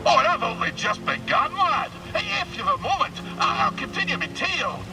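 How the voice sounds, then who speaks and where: Gruff old fisherman alien for a game: high, swooping, salty storyteller with a gravelly edge. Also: big pitch swings, moderate pace, recorded from a distance, background noise, heavily acted. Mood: boastful, eager. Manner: gruff old fisherman, theatrical sea-dog talk. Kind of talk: animated video game character dialogue.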